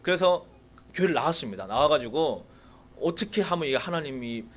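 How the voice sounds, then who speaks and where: A man's voice: on the high side, fairly quick. A man giving a sermon with a personal testimony in a church, telling his story with animation and turning to the congregation with questions. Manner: animated storytelling, acting out his own prayers; addresses the congregation directly with rhetorical questions. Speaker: guest preacher at a revival meeting. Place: church sanctuary.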